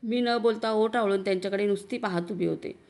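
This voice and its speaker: A woman's voice: medium pitch, brisk, darkish tone. A woman narrating a story in the first person, earnest and reflective.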